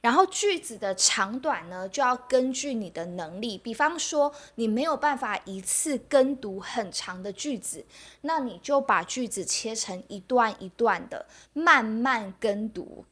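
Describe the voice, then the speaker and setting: A young woman, explaining a lesson clearly and patiently. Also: a little high, lively intonation, measured pace, fairly bright tone. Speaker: Mandarin teacher. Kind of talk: podcast-style spoken lesson.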